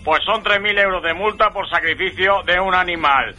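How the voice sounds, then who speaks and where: A man's voice: sits high, moderate pace, bright, forceful tone, soft background music. A man playing a stern regional police officer in a radio comedy sketch, formal and officious as he hands out fines.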